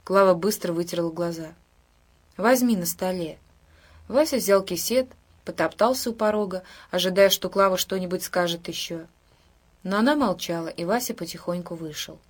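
A woman reading a story aloud in an even, measured narration. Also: on the low side. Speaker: audiobook narrator. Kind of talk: scripted narration.

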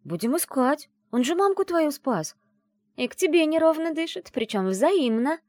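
A woman reading an audiobook and voicing a brash, teasing young woman who is the heroine's best friend, talking in a loud, mocking, bossy way. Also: high-pitched, sing-song, moderate pace, no room sound, clean studio sound, pitched above the performer's own voice.

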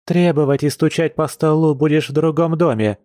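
A man voicing a fiery, sharp-tongued young woman who snaps out curt lines. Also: fairly high pitch, expressive, moderate pace, no room sound, clean studio sound, pitched above the performer's own voice, lightly acted. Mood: angry. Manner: snapping, curt.

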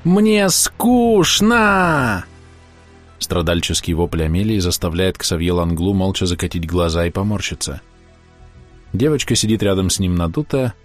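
A man narrating an audiobook in a measured, expressive way. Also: sits low.

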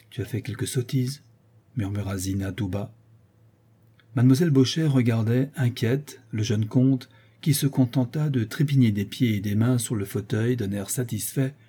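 A man reading a classic novel aloud as audiobook narrator, in a steady, measured literary manner. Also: mid-range voice, slightly rough. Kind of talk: scripted narration.

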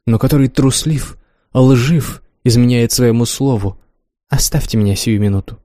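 A haughty young woman speaks with icy calm, commanding and mocking in turn, as a male audiobook reader puts her on. The voice is mellow and soft-edged rather than bright. It sits dry and close, with no room around it. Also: mid-range voice, moderate pace, no echo, close to an everyday voice. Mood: scornful. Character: cold, scornful, domineering young woman. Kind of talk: audiobook character reading.

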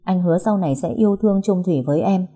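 A woman's voice: lowish voice, racing, warm tone. A woman voicing a young man, an unstable ex-husband who begs and then threatens. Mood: pleading. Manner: threatening, rough-spoken.

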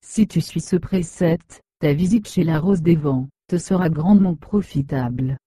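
A woman reading the part of a wise, kindly old woman who gently guides and admonishes a child. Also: sits low, a little slow, husky, dry recording. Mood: admonishing. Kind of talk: storybook reading.

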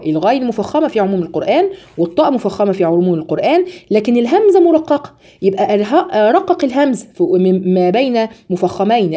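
A woman's voice: medium pitch, dark tone. Egyptian woman teaching Quran pronunciation. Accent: Egyptian Arabic. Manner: drills sounds slowly, then explains rapidly. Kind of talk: tajweed lesson with recited examples.

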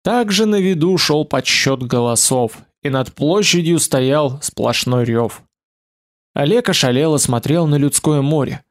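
Man narrating an audiobook, slightly high voice. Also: unhurried. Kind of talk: scripted narration of an adventure novel.

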